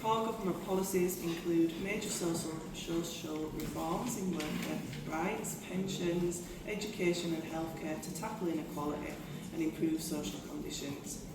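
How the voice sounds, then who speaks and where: A British woman, a union general secretary, chairs a conference fringe meeting in a meeting room, reading prepared remarks from a script with frequent restarts and asides to the audience. Her voice is low-pitched and steady, at normal speed with few pauses. The recording is noisy, taken in an echoey hall with her voice coming from far off.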